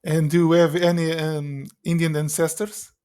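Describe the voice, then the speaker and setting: A man hosting a podcast, asking questions in a soft-spoken, hesitant way. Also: fairly high pitch, little pitch movement, moderate pace, clear, resonant tone. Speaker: podcast host. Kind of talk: casual interview.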